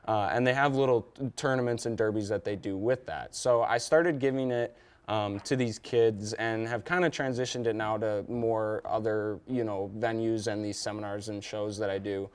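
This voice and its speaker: Man from Wisconsin, low voice, smooth clear tone, relaxed chat with fillers. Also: normal speed. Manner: relaxed, many fillers and restarts. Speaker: competitive angler, guest. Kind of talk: casual interview.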